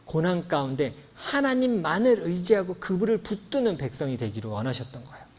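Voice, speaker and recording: A man's voice: high voice, sing-song, a little fast. A man in his thirties preaching a sermon as pastor, telling a personal story with emotion and acting out the dialogue. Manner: emotional storytelling, acts out dialogue, swings from loud to hushed.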